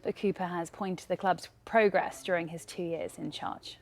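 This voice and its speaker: A woman co-presenting sports news on a breakfast show, reading crisply and teasing her co-host. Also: on the low side, fairly even intonation, moderate pace. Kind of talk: breakfast news sports bulletin with casual banter.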